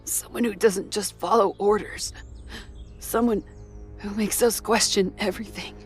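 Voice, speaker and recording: In an anime audio drama with music beneath her, a woman plays a wounded fighter, the squad commander's comrade: tough, motherly, proud and tender. Her medium-pitched voice stays fairly even and unhurried, close to how she'd normally speak, delivering lines with solemn, resolute emotion.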